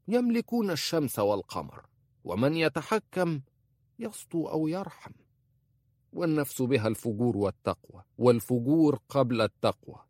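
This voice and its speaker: A man's voice: mid-range voice, a little mellow, no echo, studio quality, pitched above the performer's own voice. A man voicing a blunt, sardonic old male tailor in an audiobook. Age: older.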